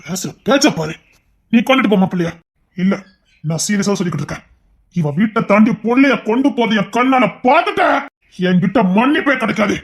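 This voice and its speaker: A man acting a hot-tempered young husband in an audio drama, sharp, commanding and threatening. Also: sits high, expressive, a little fast, a little hiss or hum. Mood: stern.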